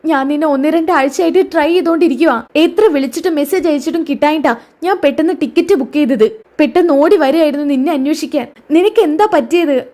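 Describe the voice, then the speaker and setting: A woman's voice: sits high, expressive, fairly quick, darkish tone. A woman doing a frantic young friend. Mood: distressed. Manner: pleading, urgent questions.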